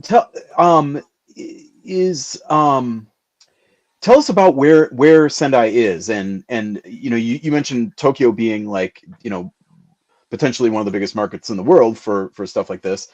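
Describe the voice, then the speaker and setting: A man's voice: mid-range voice, unhurried, a little mellow, muffled recording. A man hosting a casual interview, rambling through questions with many restarts. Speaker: host.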